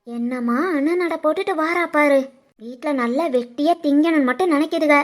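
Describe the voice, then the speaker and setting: A sarcastic, nagging middle-aged housewife from an animated family story, voiced by a woman. She speaks with a Tirunelveli Tamil accent and scolds at every turn. Her voice is piercingly high. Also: a little fast, natural voice. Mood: scolding.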